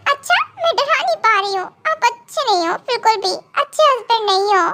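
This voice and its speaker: Girl doing a whiny clingy young wife, fan audio drama, super high squeaky bright voice, pouty. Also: lively intonation, a little fast, full character voice. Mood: tearful. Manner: whiny and pouting, speaks of herself in third person.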